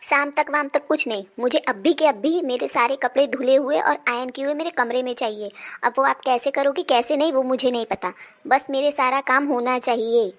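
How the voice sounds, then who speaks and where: A woman's voice: high voice, normal speed, natural voice. A woman playing a spoiled, demanding married daughter who is visiting home. She speaks in a whiny, bossy way in an amateur family drama.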